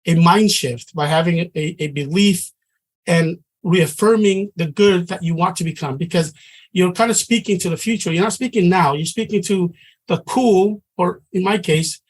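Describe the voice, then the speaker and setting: Speaking at normal speed with a voice that sits high, a middle-aged Samoan trading instructor leads a class. His tone is sincere and chatty, and he often starts sentences over.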